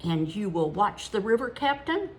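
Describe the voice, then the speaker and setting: A woman in her older years reading aloud as an eager, cheeky, irrepressible young boy with a boastful, quick-witted way of talking. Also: mid-range voice, very animated, voice pushed up, natural voice.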